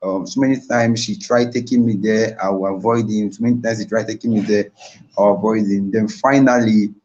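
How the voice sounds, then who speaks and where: A man's voice: on the low side, fairly even intonation, a little fast, a little mellow, highs cut off. A young man with a Nigerian accent giving a motivational talk on a live stream, telling his own story earnestly and repeating key points to his audience. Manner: earnest, repetitive storytelling, addresses the audience directly. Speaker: invited speaker.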